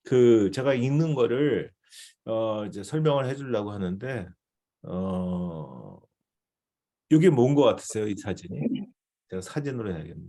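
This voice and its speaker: Man teaching a church seminar, mellow voice. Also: lowish voice, expressive, unhurried. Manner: conversational, often checks with the audience.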